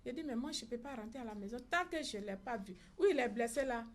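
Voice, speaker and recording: At a press conference, a middle-aged mother with an Ivorian French accent gives a personal account of events, acting out the dialogue she reports. She talks fast and animatedly in a fairly high voice.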